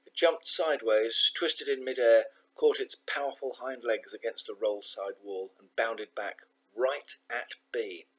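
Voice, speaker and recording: A man reading a children's novel aloud, measured and expressive, slowing down for emphasis. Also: medium pitch, low-quality recording. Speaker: audiobook narrator. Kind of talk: scripted narration of a children's novel.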